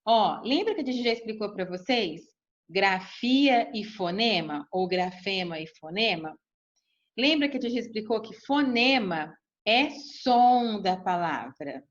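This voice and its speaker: A woman's voice: medium pitch, expressive, unhurried. A woman teacher, patiently explaining a grammar lesson step by step to children and often checking in with "tá bom?". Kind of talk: recorded remote lesson. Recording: dull lo-fi recording.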